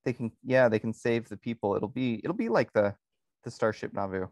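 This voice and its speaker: A man co-hosting a podcast in casual conversation, pausing often with ums and restarting his sentences. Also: medium pitch, animated, darkish tone, dry recording, clean studio sound. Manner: hesitant, many ums and restarts. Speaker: podcast co-host.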